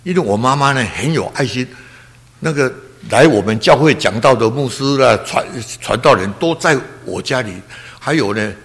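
A man's voice: medium pitch, expressive, normal speed, a bit bright. Man around 80, pastor. Earnest testimony with emotional swings. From Taiwan. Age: about 80. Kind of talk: personal testimony.

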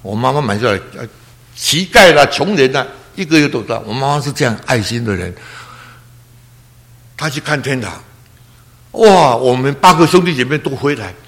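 Earnest old pastor. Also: male voice, medium pitch, big pitch swings, moderate pace, pauses often. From Taiwan. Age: about 80. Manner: earnest storytelling, emotional swings. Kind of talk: personal testimony.

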